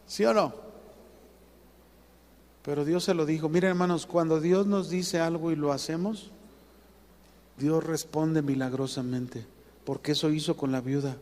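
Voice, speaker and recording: High-voiced man preaching in a reverberant hall. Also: steady tone, unhurried, pauses often. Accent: Mexican Spanish. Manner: dramatic, swings from loud to hushed, acts out quotes. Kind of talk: sermon.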